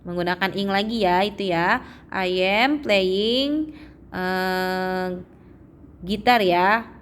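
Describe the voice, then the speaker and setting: A young adult woman teaching English to children, drawing out example phrases slowly and checking in often. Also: medium pitch, smooth. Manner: slow, drawn-out reading of English phrases, frequent "ya" checks. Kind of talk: explaining English lesson to children.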